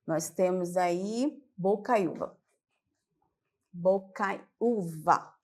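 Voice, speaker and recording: Slow, patient Brazilian woman teacher. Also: on the high side, expressive. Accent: Brazilian Portuguese. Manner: slow and patient, explains step by step with check-ins. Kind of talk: televised classroom lesson.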